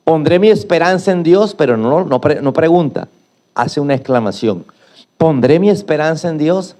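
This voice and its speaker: A man's voice: fairly high pitch, lively intonation, moderate pace, warm tone. A middle-aged male pastor preaching a sermon, emphatic and prompting the congregation to repeat after him.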